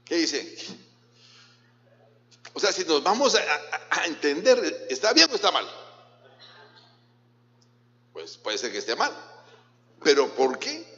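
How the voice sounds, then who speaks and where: A Guatemalan pastor preaches in a bouncing, animated voice that sits a little high for a man. He keeps turning to question his listeners and slips jokes in between. The sound is a dull lo-fi recording with a long church-hall echo. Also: slow, long pauses. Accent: Guatemalan Spanish. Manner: questions the congregation directly, mixes in jokes. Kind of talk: sermon.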